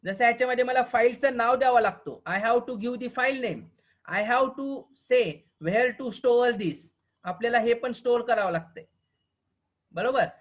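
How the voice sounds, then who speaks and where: A man with a Marathi accent teaching a programming class online, often pausing to ask whether the students understand and slowing down for the English definitions. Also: very high voice. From Maharashtra, India. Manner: keeps checking if students understand; mixes slow dictated English with quicker explaining.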